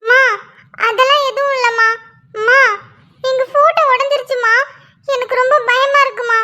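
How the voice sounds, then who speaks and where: A shrill, piercingly bright cartoon voice of a fretful pregnant young wife, as a woman acts her out. She frets and pleads in a squeaky, very high tone. The delivery is cartoon-style voice acting. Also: fairly even intonation, moderate pace. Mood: anxious.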